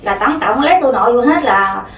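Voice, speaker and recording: A woman's voice: on the high side, expressive, fast talker, distant mic. A woman, rambling through her story with many fillers and restarts. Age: 50s. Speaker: interviewee. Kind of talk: casual spoken complaint. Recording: roomy, off-mic, faint background noise.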